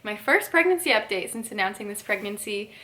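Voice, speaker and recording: A woman's voice: mid-range voice, lively intonation, a little fast, sharp tone. Breathless chatty young woman vlogger. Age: 20s. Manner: chatty, lots of fillers and "like". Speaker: YouTuber. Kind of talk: casual vlog chat.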